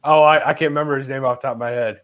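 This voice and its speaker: A man's voice: mid-range voice, steady tone, racing, a bit bright. A man hosting a casual live stream, reading viewer comments aloud with many "uh" fillers. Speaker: host.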